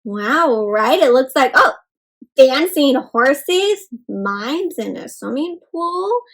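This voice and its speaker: A woman with a high voice reads a storybook aloud to young children, taking it slowly on a low-quality recording. She's expressive and interactive, gasping and asking the listeners encouraging questions in simple words.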